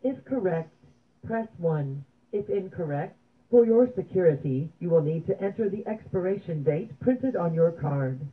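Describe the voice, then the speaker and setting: Woman, automated phone menu voice, measured and scripted, tinny phone line. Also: lowish voice, animated. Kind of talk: recorded phone prompts.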